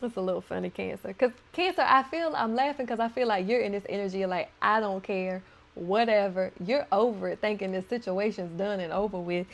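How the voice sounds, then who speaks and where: Gravelly-voiced woman doing a chatty tarot reading. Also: mid-range voice, fast, hardly any pauses. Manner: chatty and playful, laughing between points. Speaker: tarot reader. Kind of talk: casual tarot card reading to viewers.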